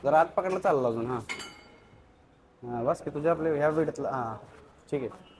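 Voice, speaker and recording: At an indoor gym, a man vlogs casually, energetically urging a friend through reps and counting the sets. His voice is a little high and moves at normal speed, with slight background noise.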